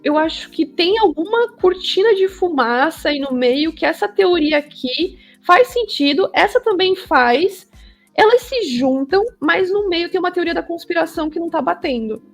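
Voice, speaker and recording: A woman's voice: extremely high pitch, expressive, normal speed, soft background music. A Brazilian woman in a casual interview, giving opinions in an emphatic, slangy way and repeating phrases for stress. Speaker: interview guest.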